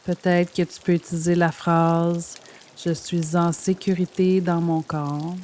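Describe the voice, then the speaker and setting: A meditation guide leads a yoga nidra session in a gentle, soothing, measured voice of fairly low pitch, pausing between phrases. Steady rain sounds run over her voice, adding slight background noise.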